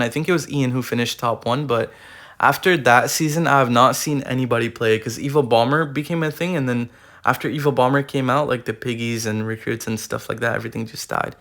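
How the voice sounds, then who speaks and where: A young man giving casual, slangy gaming commentary while ranking cards, full of fillers, his voice going a bit hoarse, recorded on a tablet. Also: mid-range voice, a bit bright. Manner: rambling, slangy, filler-heavy. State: losing his voice. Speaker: gaming YouTuber. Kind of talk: casual tier-list commentary. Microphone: iPad recording.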